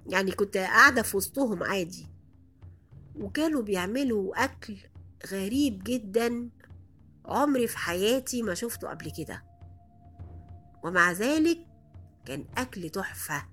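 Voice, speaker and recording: A woman with an Egyptian Arabic accent narrating a first-person horror story in a dramatic, expressive way. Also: mid-range voice, moderate pace, long pauses, faint music behind.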